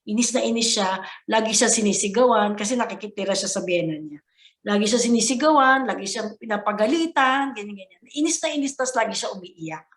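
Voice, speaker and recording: A woman's voice: mid-range voice, brisk, fairly bright tone. A woman giving a conversational motivational talk, often asking her listeners to agree with her. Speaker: motivational speaker. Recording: echoey room.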